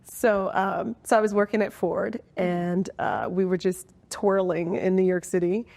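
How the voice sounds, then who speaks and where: A woman talks as a guest in a relaxed conversation and tells her stories with animated energy. Her pitch sits mid-range, and she breaks into laughter often as the story unfolds. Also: measured pace, creaky. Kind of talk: casual storytelling chat.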